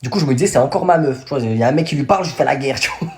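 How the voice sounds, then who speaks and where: A man's voice: medium pitch, lively intonation, rapid-fire, slight background noise. A young man with a cold, telling a slangy personal story to camera and laughing at himself. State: stuffy with a cold. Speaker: vlogger. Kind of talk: casual storytime.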